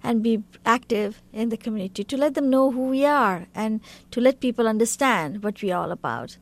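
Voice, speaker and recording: A woman from Bangladesh, vice president of a community council, appears as a talk show guest and speaks earnestly and at length in a Bangladeshi accent. Her voice is a little high and her pace moderate, with loose grammar and plenty of fillers.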